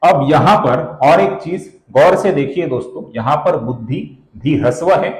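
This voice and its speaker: A man teaching the pronunciation of verses, speaking slowly and deliberately and stretching out syllables, and addressing viewers as friends. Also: on the high side, animated, echoey room, low-quality recording. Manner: slow and deliberate, stretching out syllables when he chants. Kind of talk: slow, careful recitation lesson.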